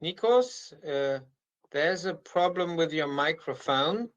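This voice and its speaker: Man, conference moderator, unhurried slow delivery, hosting online, introducing speakers. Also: a little high, animated, fairly bright tone, highs cut off.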